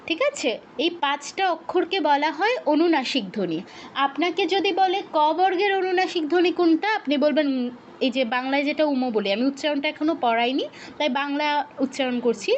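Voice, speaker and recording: Woman, high voice, patient pronunciation teacher who repeats drills; dull recording with faint hiss. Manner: patient, asks questions and answers them herself, repeats drills slowly. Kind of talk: online lesson.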